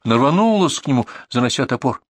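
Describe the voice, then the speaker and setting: A man's voice: medium pitch, sing-song, fast talker, dry recording. A man narrating a first-person audiobook in a tense, dramatic way, recorded in a dry booth.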